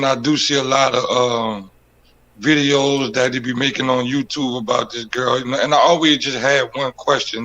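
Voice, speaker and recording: A man's voice: medium pitch, pushed and bright, a little hiss or hum, low-quality recording. A man calling in with a question, hesitant and searching for words. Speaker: caller.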